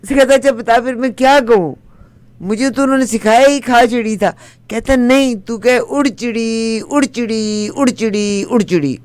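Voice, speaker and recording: A very high, clear and resonant voice, recorded dry, belongs to a man with a Punjabi accent speaking at a moderate pace. Playing a chatty middle-aged woman, he tells a comic folk tale with lively narration and chants its funny lines repeatedly.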